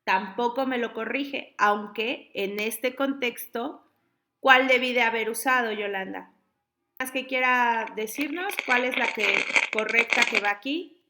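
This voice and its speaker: A woman, an online high school tutor patiently explaining spelling to her students. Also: unhurried, sharp tone.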